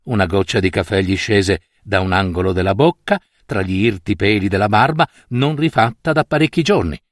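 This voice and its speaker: A man reading a literary short story aloud in an expressive, measured style. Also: fairly low pitch, no echo, clean studio sound. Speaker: audiobook narrator. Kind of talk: scripted literary narration.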